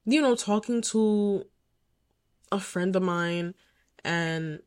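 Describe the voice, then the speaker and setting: A woman's voice: medium pitch, slow pace. A young woman candidly telling a personal story as a podcast host, emphatic and swearing often.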